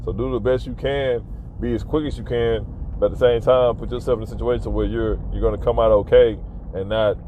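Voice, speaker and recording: A man vlogging casual advice to fellow delivery shoppers, talking emphatically and repeating himself to drive his points home. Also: fairly low pitch. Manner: emphatic, repetitive, advising viewers directly. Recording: tinny phone-like audio with faint car noise.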